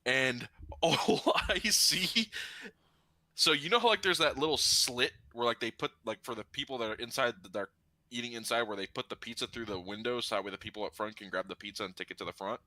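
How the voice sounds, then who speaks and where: A man hosting a gaming channel, telling a story in a casual, animated chat and swearing freely. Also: medium pitch, fairly quick, no echo.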